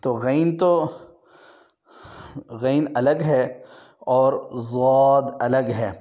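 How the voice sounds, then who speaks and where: A man from Pakistan teaching beginners Quran letter pronunciation in an online lesson. He draws out each letter slowly as a model, then explains at a brisk pace. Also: mid-range voice, steady tone, warm tone.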